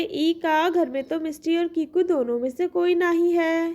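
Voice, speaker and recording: A woman's voice: high voice, a little mellow. A woman voicing a kind, fussy village mother in a cartoon, speaking. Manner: fussy, chatty.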